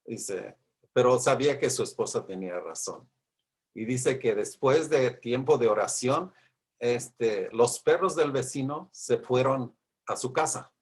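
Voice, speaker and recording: Male Bible study teacher, husky tone, loose rambling storyteller in casual lesson talk. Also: mid-range voice, expressive, unhurried. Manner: rambling storyteller, repeats "dice". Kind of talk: casual Sabbath school lesson discussion.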